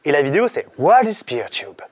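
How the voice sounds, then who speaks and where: A man's voice: fairly high pitch, wildly swooping pitch, a little fast, husky. A middle-aged man, an interview guest, explaining in casual chat, rambling with many fillers and restarts.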